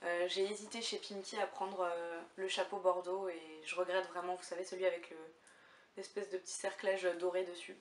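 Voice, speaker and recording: A woman's voice: on the low side, level tone, moderate pace. Young woman chatting, echoey distant recording. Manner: chatty, hesitant with many fillers. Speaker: beauty vlogger. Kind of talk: casual chat to camera. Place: room at home. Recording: echoey room, mic far off, faint hiss.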